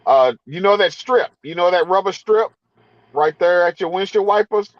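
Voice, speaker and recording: A man's voice: high voice, normal speed, no echo, lo-fi sound. A man hosting a casual car chat, laid-back and drawn out, repeating his phrases. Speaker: host.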